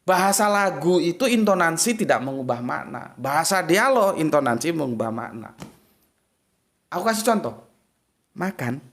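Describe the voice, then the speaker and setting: A man giving a casual spoken religious lesson to his viewers, chatty and emphatic, with big swings of pitch to stress his points. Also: very animated, moderate pace, a bit bright.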